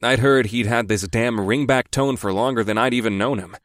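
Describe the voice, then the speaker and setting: A man's voice: mid-range voice, a little fast, a bit bright, dry recording, clean studio sound. A man narrating a first-person story in a wry, sardonic manner. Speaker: audiobook narrator.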